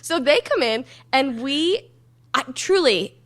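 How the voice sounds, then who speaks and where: Chatty woman cohost, lively voice bouncing up and down, jumps into character bits. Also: high-pitched, slow. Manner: animated, acts out characters' lines. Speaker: podcast co-host. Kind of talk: live podcast recap chat. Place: live stage show in a small venue.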